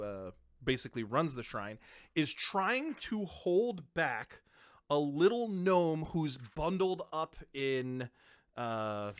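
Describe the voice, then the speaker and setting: A man's voice: mid-range voice, no echo, studio quality. A young man narrating as game master, rambling with many fillers.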